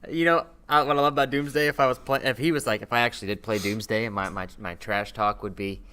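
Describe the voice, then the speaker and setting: A young man leads a relaxed podcast conversation. His voice is bright and forward. He talks in animated bursts and keeps the chat moving. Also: mid-range voice, clear, resonant tone. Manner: animated, talks fast in bursts about fighting games. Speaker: podcast host. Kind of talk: casual chat.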